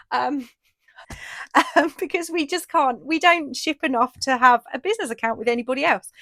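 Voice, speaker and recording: A woman from the UK, a craft shop owner chatting through a casual video update and an unboxing, says she is losing her voice and gets excited over each item. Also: high voice, dry recording. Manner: chatty, enthusiastic, frequent ooh and fillers.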